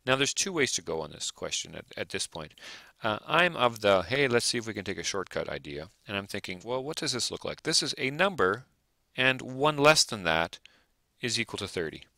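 Low-voiced guy teaching math, crisp bright tone, dry close mic, keeps checking "right?". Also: big pitch swings, moderate pace, no echo. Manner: thinks aloud, asks rhetorical checks. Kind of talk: recorded lecture over worked examples.

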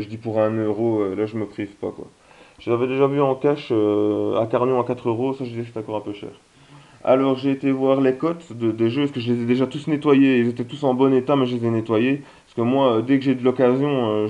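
A man's voice: medium pitch, dull audio. A man chatting casually in a vlog about his video game finds, talking hesitantly with many fillers. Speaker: video game collector vlogger.

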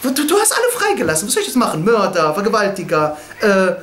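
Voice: medium pitch, huge pitch swings, quick pace, a bit bright, echoey room, a little hiss or hum. A man voicing an exasperated caliph who groans at the trouble he is in.

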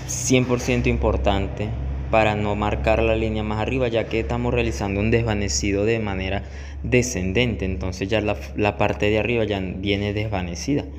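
Step by step, a man with a low voice teaches a haircut technique in a barber's voice-over tutorial. He keeps his delivery flat and even, and the recording carries room echo along with clear background noise.

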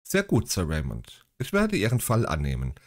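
Calm cool detective guy, read by a man, low voice, measured. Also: exaggerated voice. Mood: composed.

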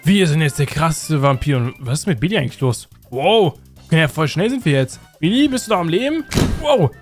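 Excitable high-pitched man hosting a game video. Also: brisk, faint music behind. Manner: excitable, addresses viewers constantly. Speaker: host. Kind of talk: Minecraft role-play let's play.

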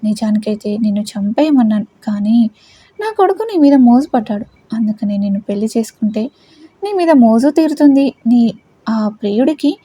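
A woman's voice: fairly high pitch, lively intonation, normal speed, warm tone, slightly rough, no room sound. A woman voicing a cruel, scheming mother-in-law who taunts and gloats. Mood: gloating. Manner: taunting, contemptuous.

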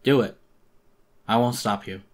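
A man's voice: mid-range voice, unhurried, lightly acted. A man voicing a weary, wounded raccoon jailer who speaks in a tired, resigned way, muffled and in pain. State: in pain, breathing heavily.

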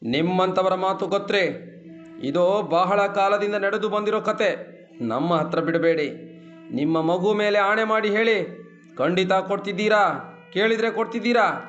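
A man's voice: high voice, a little slow, long pauses, fairly bright tone, lo-fi sound, faint music behind. A man reading a story aloud, voicing a frail, wide-eyed bystander who raises his voice to accuse. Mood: accusing.

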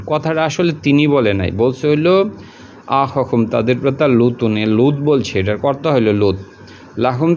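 A man at a middle pitch teaches a word-by-word translation lesson, going over each word and its meaning again and again. His delivery is patient and colloquial. The recording sounds a little muffled and lo-fi, with a faint hiss behind him. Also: darkish tone.

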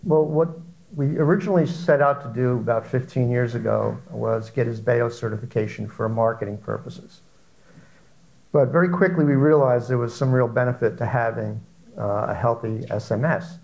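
A man speaks as a panelist in a large conference hall. His voice is mid-pitched, and he explains things plainly and directly. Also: moderate pace, gravelly, darkish tone. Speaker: panelist, small operator. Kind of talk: panel answer.

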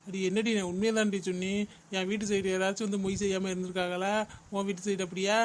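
A bickering cartoon husband, as a man acts him out, high-voiced and quick, firing off sharp teasing retorts in a steady, even tone. He sounds like a comic middle-aged man in a family squabble. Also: slight background noise, natural voice. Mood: arguing. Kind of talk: cartoon comedy voice acting.

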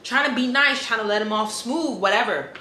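Blunt, bright-voiced woman vlogger in her twenties. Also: on the high side, a little fast. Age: 20s. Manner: blunt, swearing freely, ranting. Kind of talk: casual vlog talk to camera. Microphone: compact vlog camera mic. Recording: echoey room, faint background noise.

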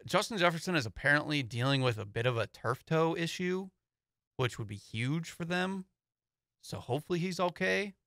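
This young co-host of a casual sports talk show is easygoing and rambles with fillers. His voice runs on the high side, animated and a bit bright at normal speed. He talks into a studio mic on a boom, wearing headphones, in a small studio lined with foam panels and free of room sound.

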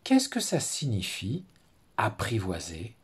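A man's voice: on the low side, huge pitch swings, takes it slowly, husky, full character voice. A man voicing a curious, sad young prince from a storybook. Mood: wistful.

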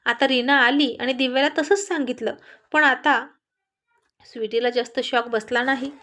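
High-voiced woman narrating a story. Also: steady tone, normal speed, pushed and bright. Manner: reads all characters in the same voice. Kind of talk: storybook narration with acted dialogue.

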